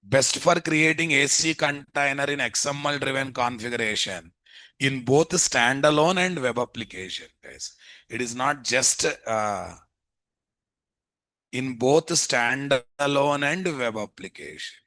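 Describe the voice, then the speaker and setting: A man's voice: mid-range voice, measured pace, bright, forceful tone, no room sound. A man with a Telugu Indian accent teaching programming in a live online lecture, dictating notes, repeating phrases and quizzing listeners with tag questions. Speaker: programming instructor. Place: indoors, live screen-share online class.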